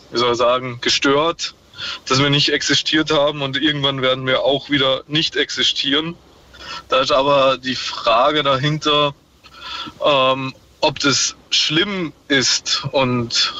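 A man's voice: mid-range voice, pushed and bright. A man calling in to a radio show from his car on a hands-free speakerphone, musing hesitantly with many fillers. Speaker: caller. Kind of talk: call-in radio chat. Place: in a moving car. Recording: muffled car speakerphone line with faint noise.

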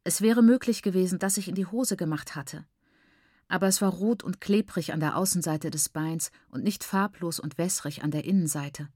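A woman narrating a first-person story in a measured, expressive reading. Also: lowish voice, dry recording, clean studio sound. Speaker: audiobook narrator.

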